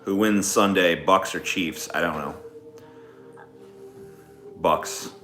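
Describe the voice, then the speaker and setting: Hosting a casual, improvised stream, a man with a deep, sharp-toned voice takes things slowly as he rambles and swears. Music plays behind him, and the room gives a noticeable echo.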